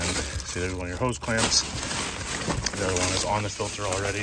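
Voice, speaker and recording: A man with a low, easygoing voice talks through a car install as he works on it. He explains each step plainly and casually. Faint outdoor ambience sits behind him. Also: background noise. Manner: relaxed, explains step by step while working. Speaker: car DIY vlogger. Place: outdoors by a car engine bay.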